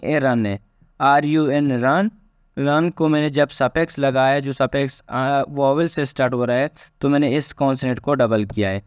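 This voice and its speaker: A man teaching English spelling rules. He reads each rule slowly and then explains it in a casual way, repeating himself as he goes. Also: a little high, clean tone, no echo, studio quality. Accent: Pakistani. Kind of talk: spelling lesson explained step by step.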